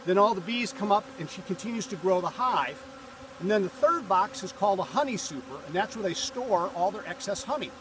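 High-voiced man explaining beekeeping outdoors. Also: noisy background. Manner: calm, explains step by step while working. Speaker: hobby beekeeper. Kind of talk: casual how-to narration. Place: outdoors on a farm field by a beehive. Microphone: camera a few feet away, speaker in a bee suit and veil. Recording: distant outdoor camera audio, buzzing bees.

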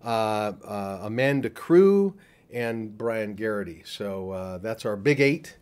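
A man's voice: lowish voice, lively intonation, slow pace, darkish tone, smooth. An older man, a film producer, answering interview questions at a convention with many fillers and restarts, into a handheld mic. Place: convention room before a poster wall. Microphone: handheld mic held by the interviewer.

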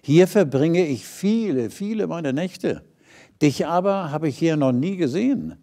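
A man's voice: fairly high pitch, expressive, unhurried, dark tone, pitched above the performer's own voice. Man doing a wise, amused old owl. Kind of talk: storybook reading.

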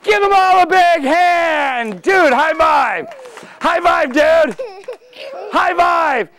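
A man's voice: very high voice, slow, a bit bright. A middle-aged man performing as a kids party magician, exuberant and theatrical, talking playfully to young volunteers and often raising his voice. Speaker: children's magician. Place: children's library room, performing before seated kids.

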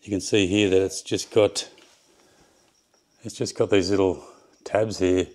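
A man casually walking through his workshop build, halting often with ums and restarts as he measures and explains. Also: sits low, steady tone, darkish tone. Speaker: home builder showing his project. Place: home garage workshop.

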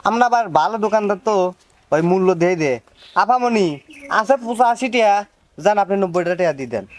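A man's voice: high voice, expressive, fairly quick. A man playing a cheeky village street hawker who talks in a sing-song, wheedling sales patter. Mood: pushy. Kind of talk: rural comedy drama acting.

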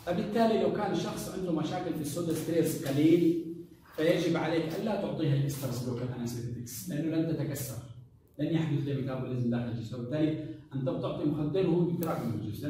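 Male lecturer, mellow, quick delivery, quizzes his class, recorded from afar in a reverberant room. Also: fairly high pitch. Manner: quizzing students with rhetorical questions; mixes English drug terms into colloquial Arabic. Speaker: pharmacology lecturer. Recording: echoey classroom from a distant mic with faint noise.

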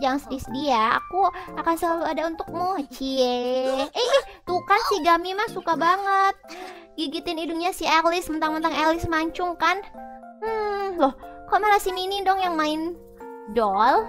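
High-voiced chatty woman gamer. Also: measured pace. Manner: chatty, scatters English words through her speech. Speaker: gaming channel host. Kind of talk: casual gameplay commentary. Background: background music.

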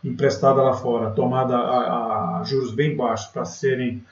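A man's voice: medium pitch, fairly even intonation, normal speed. Chatty man on a roomy lo-fi mic. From Brazil. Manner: chatty, filler-heavy, keeps saying "galera" and "né". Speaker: day trading channel host. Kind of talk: screen-share market commentary. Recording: roomy, distant, dull lo-fi mic.

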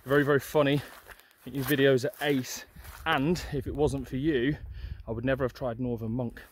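Hiking across an open hillside, a young vlogger chats happily to the handheld camera he holds at arm's length, using many fillers. He speaks at normal speed in a mid-range voice with little pitch movement, with slight hiss or hum in the audio.

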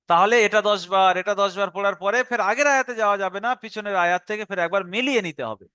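Male teacher for a tutorial, high bright voice, clear and smooth, repeats steps patiently. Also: no room sound. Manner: explanatory, repeats instructions, slows to recite verses. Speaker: Quran teacher. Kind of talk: online tutorial lesson.

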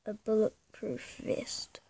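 A young woman gamer whispers slowly in a mellow voice as she casually commentates her gameplay. She thinks aloud hesitantly and hums to herself.

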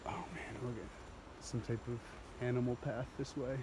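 This is walking vlog narration from a man in his thirties heading down a steep jungle trail, phone held at arm's length. He's enthusiastic, rambling, and quick to laugh, speaking at normal speed in a mid-range, fairly even voice against a noisy background.

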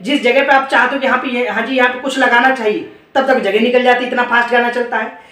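A man teaching dholak in an instructional video, encouraging his viewers as friends and reciting drum syllables in quick rhythmic bursts. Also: extremely high pitch, steady tone, bright, forceful tone, reverberant, far from the mic. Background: dholak drumming.

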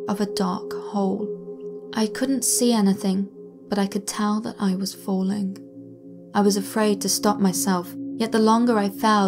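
A woman narrating a true paranormal story in a soft, slow, somber way, sometimes sinking to a whisper. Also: mid-range voice, vocal fry. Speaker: channel narrator.

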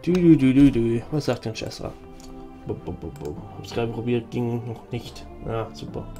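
A man's voice: medium pitch, moderate pace, mellow, faint music behind. A man with a German accent streaming a video game, reading its dialogue aloud and muttering comments to himself in a casual let's-play style.

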